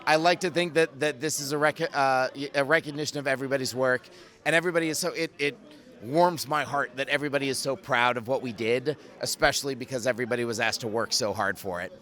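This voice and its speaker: A man's voice: medium pitch, steady tone, fast talker, bright, forceful tone. A man in a red carpet interview, talking earnestly with frequent stammering restarts.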